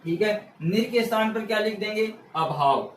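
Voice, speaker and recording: A man's voice: high-pitched, normal speed, a little hiss or hum. A male teacher giving an exam-prep grammar lesson, explaining step by step, repeating key words and asking questions that he answers himself. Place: room with a board he writes on. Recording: echoey room, mic far off.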